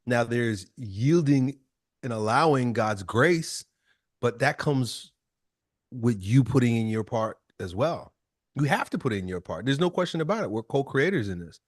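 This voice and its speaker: A man's voice: mid-range voice, measured pace, no echo. Middle-aged guy on a podcast, blunt and loose, dry close sound. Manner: blunt, animated storyteller with loose, casual swearing. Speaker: podcast guest. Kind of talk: casual interview chat.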